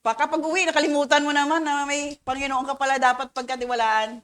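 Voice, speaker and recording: A woman's voice: high-pitched, level tone, fast, a bit bright. A Filipina woman in her sixties, a pastor preaching a sermon to her congregation, often asking them questions. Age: 60s. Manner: preaches in Tagalog and English, asks the congregation questions.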